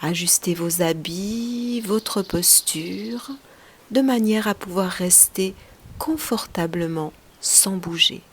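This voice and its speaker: As a yoga teacher guiding relaxation, a woman speaks in a soft, soothing mid-range voice over slight background noise. Her phrases are short and unhurried, often trailing off on a breath.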